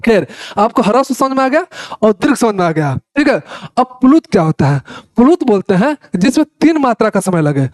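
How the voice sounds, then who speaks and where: High-voiced chatty male Sanskrit teacher. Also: big pitch swings, a little fast, darkish tone, dry recording, clean studio sound. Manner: chatty, keeps asking "है ना" and addressing listeners as "भाई साहब"; repeats words while explaining. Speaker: Sanskrit teacher for Ayurveda students. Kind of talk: casual explanatory lecture.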